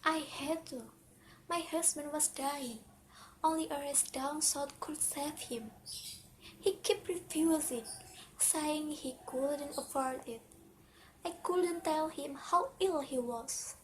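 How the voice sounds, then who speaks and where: A woman's voice: sits high, slow, slight background noise, rough recording. A woman playing an anxious, defensive wife with a secret debt, in an earnest, theatrical dramatic reading. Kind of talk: amateur dramatic reading of a stage play.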